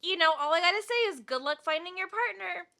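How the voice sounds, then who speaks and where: A woman's voice: very high voice, expressive, fairly quick, vocal fry, pushed and bright. A young woman hosting a reaction video, ranting in an exasperated, casual way.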